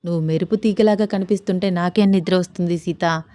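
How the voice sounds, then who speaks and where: A woman's voice: lowish voice, steady tone, fast, warm tone, no room sound, lightly acted. A woman voicing a young husband with a playful, coaxing manner, in a storybook reading. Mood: teasing. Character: young man, gentle teasing husband.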